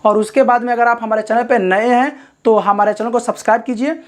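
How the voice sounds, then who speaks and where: A male English grammar teacher giving a lesson. He asks questions and answers them himself, slows down to spell out example sentences, and adds joking asides. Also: very high voice, fairly even intonation. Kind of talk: classroom-style grammar lesson.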